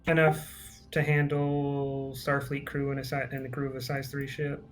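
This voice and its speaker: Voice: mid-range voice, level tone, normal speed, soft background music. A player in a tabletop role-playing game, talking through plans hesitantly with many fillers.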